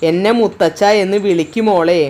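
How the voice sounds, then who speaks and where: A woman's voice: lowish voice, steady tone, brisk, dark tone, pitched below the performer's own voice, lightly acted. A woman voicing a tearful, affectionate older man in a spoken story.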